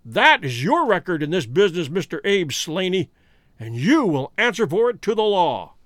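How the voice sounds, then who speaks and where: A male narrator voices a masterful storybook detective who is composed and stern, speaking with precision and command. His voice is high and expressive, at normal speed, recorded dry with no echo.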